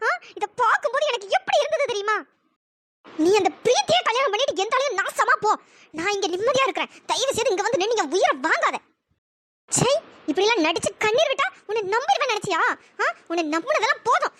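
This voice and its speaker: A woman voicing a bitter young wife in a cartoon, speaking quickly and scornfully. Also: very high-pitched, dry recording, full character voice. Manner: fast, sharp, scornful.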